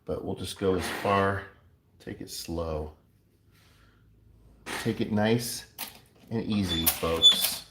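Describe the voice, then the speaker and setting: Slow, low-voiced man narrating craft work. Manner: relaxed, chatty, plays with sound words. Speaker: coin ring maker. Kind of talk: casual workshop narration. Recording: echoey room with clear background noise.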